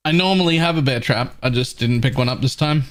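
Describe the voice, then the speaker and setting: A man's voice: medium pitch, quick pace. A man giving casual live commentary as he plays a video game, thinking aloud and explaining his choices. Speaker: streamer.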